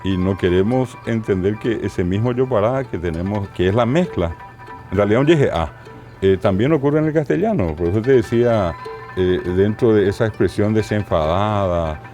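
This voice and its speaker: A man with a Paraguayan Spanish accent, a linguist guest explaining place names in an interview, didactic and slow on each word. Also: lowish voice, expressive, mellow, faint music behind.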